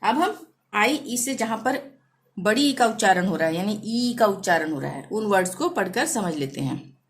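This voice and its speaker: A woman's voice: mid-range voice, expressive, normal speed. A woman teaching a pronunciation lesson, drawing out each word and repeating it several times. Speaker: language teacher. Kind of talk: slow step-by-step pronunciation lesson.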